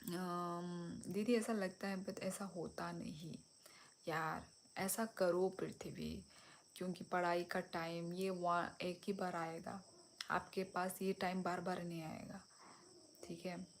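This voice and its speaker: A young woman hosting a casual livestream, speaking softly so as not to disturb neighbours at night while answering viewer comments. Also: fairly low pitch, flat delivery, slow pace, a little hiss or hum. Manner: switches between Hindi and a local language, reads and answers viewer comments. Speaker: livestream host. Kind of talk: casual live chat.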